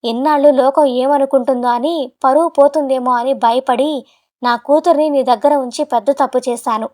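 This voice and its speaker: A grave, protective old father speaks firmly and forcefully, as a woman narrator acts him out. The voice stays high and light for an older man, with a measured storybook gravity. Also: fairly even intonation, natural voice. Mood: stern angry.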